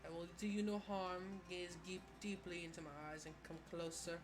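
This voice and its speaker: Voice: medium pitch, fairly even intonation, moderate pace, background noise, natural voice. A video game player voicing a theatrical fortune teller with a creepy, self-assured, portentous delivery. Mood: ominous, coaxing.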